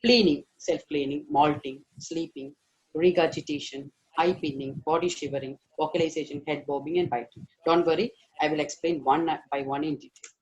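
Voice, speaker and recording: A man's voice: on the high side, fairly even intonation, normal speed, muffled recording. A man giving an online veterinary lecture, hesitant with many fillers and stressing key words.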